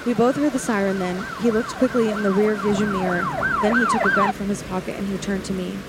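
In a classic radio thriller, a woman plays a frightened young working woman held by a killer, pleading, faltering and at times defiant, while also giving tense first-person narration. Her medium-pitched voice swoops wildly in pitch at a quick pace, over heavy background noise.

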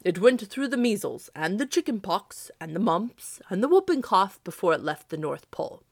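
A woman voicing a jolly, commanding old Santa Claus, speaking in an emphatic, brisk, decisive way. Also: mid-range voice, very animated, vocal fry, no room sound, clean studio sound. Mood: brisk, reassuring.

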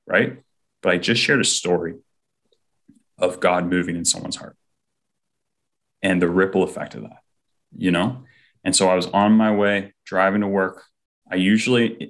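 A man's voice: low-pitched, gravelly, fairly bright tone. A man telling an earnest personal faith story as an interview guest, often acting out what people said. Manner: heartfelt, often acts out quoted speech.

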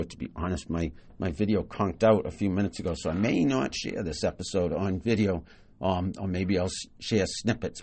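A deep, darkish male voice carries a solo podcast monologue on marketing. The host is enthusiastic and full of praise, speaking casually with frequent fillers and restarts.

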